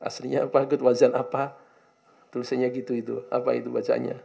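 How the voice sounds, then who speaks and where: In a classroom, an Islamic teacher works through an Arabic religious text line by line, translating as he goes and coaxing students to answer his questions. His medium-pitched voice is mellow with some vocal fry, and he speaks quickly in a flat delivery.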